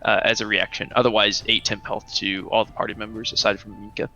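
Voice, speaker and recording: A man's voice: on the low side, little pitch movement, fairly quick, bright, forceful tone, highs cut off, faint music behind. A man playing a tabletop game, chatting casually with lots of fillers and giggles.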